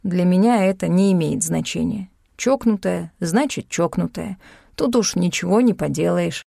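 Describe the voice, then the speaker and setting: Female narrator doing a blunt, unhurried young man, lowered gravelly tone. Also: dark tone, no echo, studio quality. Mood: calm blunt.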